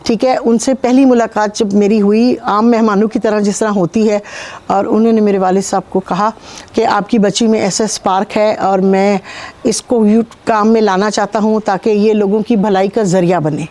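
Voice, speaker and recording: Calm woman with a mellow voice. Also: mid-range voice. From Pakistan. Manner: calm, measured storytelling with frequent pauses. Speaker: spiritual healer guest. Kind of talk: interview, recounting personal experiences.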